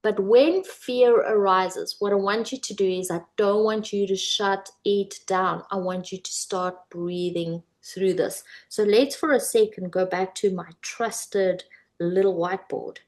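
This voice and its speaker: Middle-aged woman coach, coaxing, asks viewers questions, mid-pitched voice. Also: fairly even intonation, unhurried, a little mellow. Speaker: manifestation coach. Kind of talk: instructional video talk. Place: indoors, by a whiteboard.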